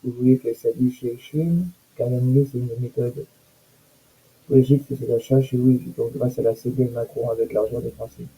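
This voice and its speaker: A man's voice: medium pitch, fairly even intonation, moderate pace, mellow, husky, poor audio. A man giving casual, sarcastic commentary on news items and comments, with mocking asides.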